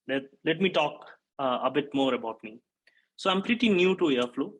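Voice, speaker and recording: Over poor audio with webcam-style video call framing, a man from Nepal in his thirties, a software engineer, presents a technical conference talk from an indoor home or office room. He has a mid-range, fairly bright voice and explains steadily, often saying "uh."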